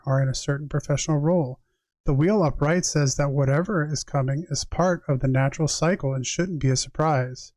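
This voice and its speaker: On a livestream, a man does tarot readings in a medium-pitched voice with a darkish tone, captured in a dry recording. He's conversational and reflective, alternating between reading aloud and chatting directly with the people watching.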